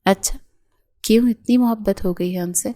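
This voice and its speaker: A woman's voice: mid-range voice, dark tone, lightly acted. A woman voicing a cheerful young sister-in-law who teases and consoles. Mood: teasing.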